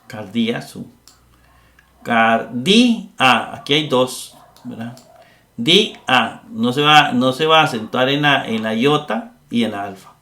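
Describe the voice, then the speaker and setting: A man's voice: medium pitch, bright, forceful tone, reverberant. A man teaching a grammar lesson, explaining step by step and often checking in with his listeners. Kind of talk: classroom lecture.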